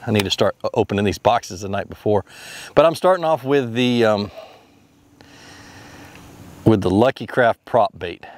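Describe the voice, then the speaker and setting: A man's voice: lowish voice, normal speed, pauses often, a little mellow, slight background noise. A man in his thirties hosting a fishing video, casually explaining lures and rods from a boat on a lake, rambling with lots of fillers and restarts. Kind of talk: casual how-to narration while fishing.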